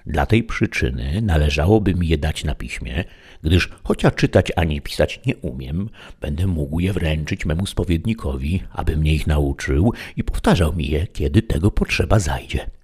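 Man doing Sancho, husky proverb-spouting squire. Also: animated, moderate pace, darkish tone, full character voice. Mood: pleading. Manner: strings proverbs together, rises in pitch. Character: rustic middle-aged male squire, proverb-loving and boastful.

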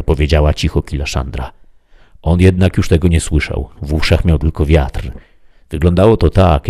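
A man narrating a fantasy story in a quiet, measured reading. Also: a bass voice, no room sound, studio quality. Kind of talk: audiobook fiction reading.

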